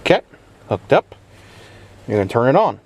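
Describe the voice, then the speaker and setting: Inside a truck cab with clear background noise, a vlogger gives a playful, theatrical hands-on demonstration of vintage gadgets, narrating it like a story. His medium-pitched voice is very animated, a little mellow, and moves at a moderate pace.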